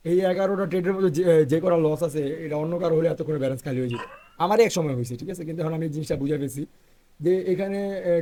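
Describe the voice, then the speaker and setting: A hoarse man who is feeling unwell, talking through live trades as an instructor and checking "okay?" after each point. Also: a little high, dark tone. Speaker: trading instructor. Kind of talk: live trading walkthrough.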